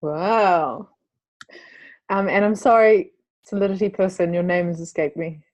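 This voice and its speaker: A woman's voice: fairly low pitch, measured pace, darkish tone, no room sound. A woman with a New Zealand accent leading an online class call, speaking informally and calling on people by name. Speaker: course facilitator. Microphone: video call.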